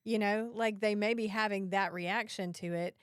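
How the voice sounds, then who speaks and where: A woman journalist co-hosting a podcast, giving listeners context with calm explanation. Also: medium pitch, moderate pace, clear, resonant tone, dry recording, studio quality. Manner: adds context for listeners, frequent short affirmations. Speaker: journalist and co-host. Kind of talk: casual conversation.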